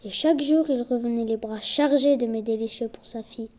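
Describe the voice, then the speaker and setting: Young woman storyteller, high bright voice, reading a folk tale aloud. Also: brisk, a little hiss or hum.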